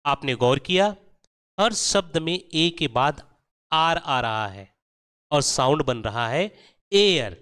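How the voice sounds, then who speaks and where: A man narrating a scripted pronunciation lesson, explaining rules slowly and drawing out each example word. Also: on the high side, lively intonation, a bit bright, smooth. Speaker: English pronunciation teacher.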